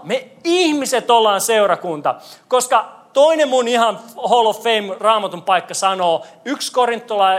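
A male pastor giving a playful interactive sermon, quizzing the congregation. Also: high voice. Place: church hall.

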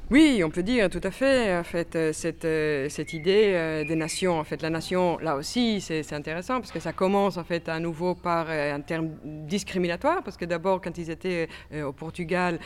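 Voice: medium pitch, moderate pace, hardly any pauses. Hesitant expert speaker, faint noise behind. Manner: hesitant, frequent fillers and restarts. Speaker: exhibition curator. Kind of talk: expert interview answers.

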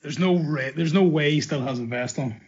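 A man bantering casually in a deadpan, teasing way on an internet call. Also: on the high side, moderate pace, husky. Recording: muffled internet call audio.

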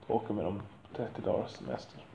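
A man's voice: lowish voice, expressive, creaky, mellow, reverberant, a little hiss or hum, rough recording. A man talking frankly about being a father, in a blunt, profane and rambling way with self-deprecating asides. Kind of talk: candid monologue.

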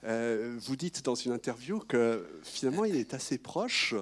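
Male interviewer, middle-pitch voice, keeps stumbling on words while asking stuff. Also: big pitch swings. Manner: hesitant, halting with repeated words. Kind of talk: interview questions.

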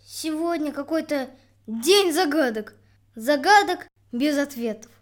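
Woman doing a very high-voiced worried crow. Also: animated, unhurried. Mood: gloomy. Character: worried, gloomy female crow.

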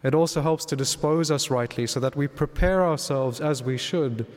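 A man, a priest, giving a Gospel reading and homily in a measured, solemn way, in a large echoing church. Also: a little high, darkish tone. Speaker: priest preaching at Mass. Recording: long cathedral-like echo, large reverberant space.

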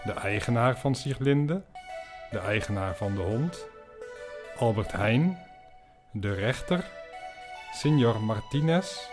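Deadpan male comic storyteller. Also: mid-range voice, slow pace, long pauses, music in the background. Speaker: podcast host.

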